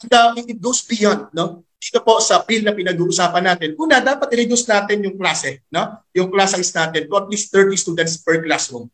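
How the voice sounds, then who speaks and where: A man's voice: sits high, normal speed, few pauses, a bit bright. A male teacher with a Filipino accent, giving formal testimony to a hearing chair, politely and with many fillers and tag questions. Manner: code-switching, frequent "no?" tag and fillers.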